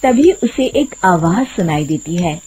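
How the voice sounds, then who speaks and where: A woman's voice: fairly low pitch, very animated, a little slow, warm tone, slight background noise. A woman narrating a scripted moral story for children.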